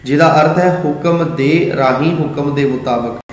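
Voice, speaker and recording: A man teaching scripture meanings and pronunciation, patient and repetitive, chanting verse lines slowly. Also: on the high side. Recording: very echoey hall.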